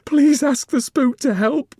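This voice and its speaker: A man reading aloud voices a desperate young farmer's wife, pitching his voice high and strained with grief. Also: a little slow, dark tone, dry recording, studio quality. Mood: frantic, tearful.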